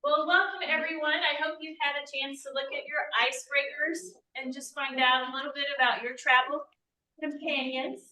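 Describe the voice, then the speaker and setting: Woman, high bright voice, roomy echo, a bit distant. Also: steady tone, moderate pace, a little hiss or hum. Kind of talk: casual welcome talk. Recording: roomy sound from far off.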